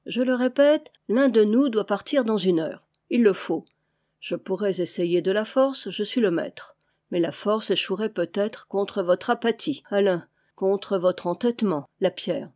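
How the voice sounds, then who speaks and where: A woman's voice: medium pitch, measured pace, mellow, lightly acted. A woman voicing a scheming male manor lord who bargains and pleads with his servants in a heated, desperate way. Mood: cold.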